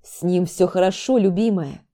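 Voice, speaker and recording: A woman voicing a young husband who speaks softly and soothingly. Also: fairly low pitch, moderate pace, natural voice. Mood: reassuring. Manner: soft and soothing. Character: young husband, gentle and reassuring.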